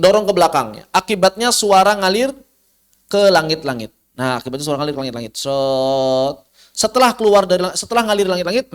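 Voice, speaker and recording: Patient and methodical, a tajwid teacher runs an online recitation lesson, demonstrating sounds by drawing out syllables and answering his own questions. His voice is high and a bit bright.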